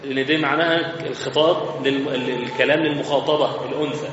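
A man's voice: medium pitch, steady tone, quick pace, noisy background. A man with an Egyptian Arabic accent giving a religious lesson in a mosque, explaining step by step in a conversational way. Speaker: religious teacher. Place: large mosque hall. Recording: echoey mosque hall, slightly muffled.

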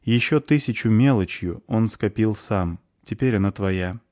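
A man's voice: fairly low pitch, a little slow, a little mellow, no room sound, natural voice. A man playing a dry, unsentimental noble. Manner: dry, matter-of-fact.

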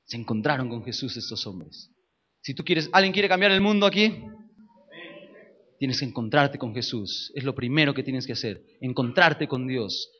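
A man's voice: a little high, highs cut off. A man preaching a sermon with emphasis, repeating key phrases and putting questions to his listeners.

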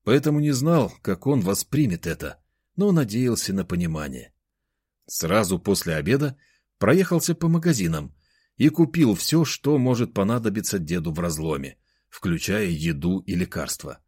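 A man's voice: lowish voice, very animated, moderate pace, a little mellow, slightly rough, dry recording, clean studio sound. A man reading a first-person novel aloud as an audiobook narrator.

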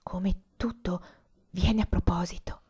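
A woman's voice: on the high side, normal speed, warm tone, slightly rough, lo-fi sound. A woman reading the lines of an earnest young man in love, pleading and urgent, sometimes whispering.

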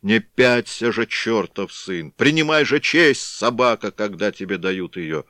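A man shouting as a rowdy drunken Cossack mob. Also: on the low side, lively intonation, measured pace, dry recording, clean studio sound. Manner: shouting, brawling insults.

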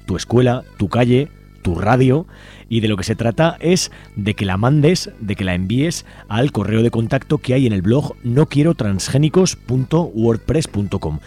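Speaking Spanish with an accent from Spain, a man with a low, mellow voice hosts community radio announcements in an informal style. He invites listeners in directly, talking very quickly while keeping things conversational.

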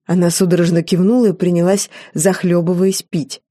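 A woman narrating a story in the first person, in a wry, even storytelling manner. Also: fairly low pitch, brisk, dry recording, studio quality. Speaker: audiobook narrator. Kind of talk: scripted narration.

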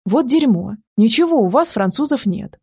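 Shrill bossy auntie type, a woman putting her on, squealy scolding, husky edge under it, storybook voice. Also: lively intonation, moderate pace, warm tone. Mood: furious. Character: shrill fierce protective older woman.

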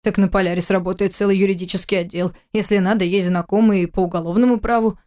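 A woman reading the part of a stern, domineering older father-in-law, gruff and commanding. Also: mid-range voice, steady tone, fast, darkish tone, natural voice.

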